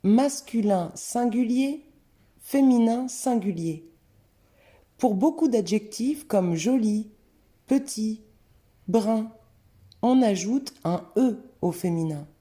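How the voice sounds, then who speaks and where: A woman narrating a scripted language lesson, reading word pairs slowly and carefully. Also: fairly high pitch, expressive, mellow. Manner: slow, careful, clearly spelled-out word examples. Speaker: French teacher.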